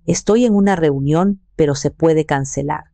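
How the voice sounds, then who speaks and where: Woman reading a sharp, commanding female lawyer in a storybook; mellow, close and dry. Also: deep voice, creaky, no echo. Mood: brisk, firm. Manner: brisk and commanding. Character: sharp, direct woman lawyer and old friend. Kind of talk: scripted storybook narration.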